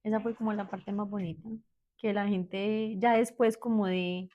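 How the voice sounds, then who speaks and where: A woman's voice: medium pitch, steady tone, normal speed, lo-fi sound. Colombian lady from medellín telling her story, kinda hesitant, keeps restarting, thirties. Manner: candid, hesitant, with frequent restarts. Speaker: guest, therapist. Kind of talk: personal storytelling interview.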